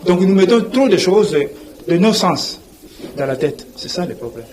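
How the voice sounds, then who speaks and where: A man's voice: high-pitched, big pitch swings, normal speed, noisy background. A man, a language professor explaining in a TV interview, spelling out letters and often asking whether you see. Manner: didactic, repeats "vous voyez", spells out letters.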